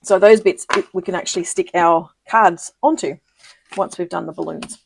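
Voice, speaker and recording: A woman hosting a casual live crafting tutorial, chatty and giggly, with many ums and quick self-corrections. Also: lowish voice, creaky, slightly rough, no room sound. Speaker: papercraft demonstrator hosting a live video.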